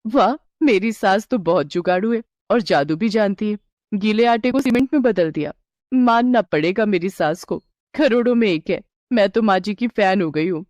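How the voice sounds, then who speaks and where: A woman voicing a curious, excitable young daughter-in-law who asks eager questions in a raised voice. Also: mid-range voice, normal speed, dry recording, natural voice. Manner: wide-eyed, eager, questioning.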